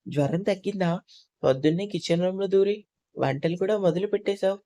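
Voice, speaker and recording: A woman's voice: on the low side, quick pace, warm tone, dry recording, studio quality, lightly acted. A woman doing a teasing old grandmother. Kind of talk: audio story reading.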